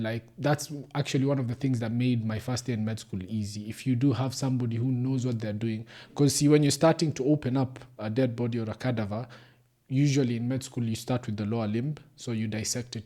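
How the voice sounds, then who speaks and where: A young doctor from Kenya, speaking English with a Kenyan accent, guests on a podcast and chats casually. He explains things patiently and slips into Swahili phrases. His voice is warm and medium-pitched.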